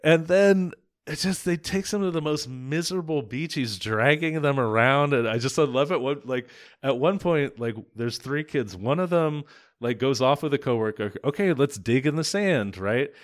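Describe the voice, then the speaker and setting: Male podcast co-host: lively, profane film recap, acts out scenes, mid-pitched voice. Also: moderate pace. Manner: animated, swearing, acts out scenes. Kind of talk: casual film discussion.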